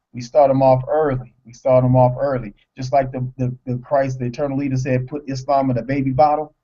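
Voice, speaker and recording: A man co-hosting a live broadcast, talking in an excitable, rambling way and stumbling over words. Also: mid-range voice, highs cut off. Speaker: co-host.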